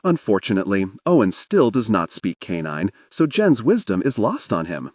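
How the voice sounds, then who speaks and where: A man narrates an audiobook expressively, like a storyteller, in a lowish voice at a normal speed. The recording is studio quality with no room sound.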